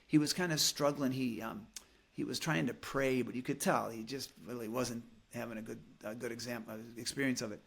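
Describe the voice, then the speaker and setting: A middle-aged man, a Franciscan priest, telling lively stories as a podcast guest and acting out quotes. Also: mid-range voice, a little fast, gravelly, husky. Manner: animated storyteller, acts out quotes. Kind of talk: casual storytelling chat.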